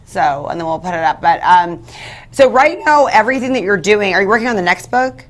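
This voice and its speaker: A woman's voice: mid-range voice, animated, brisk. Woman host steering a video interview. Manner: short prompts, steering back on topic. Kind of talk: interviewing a guest.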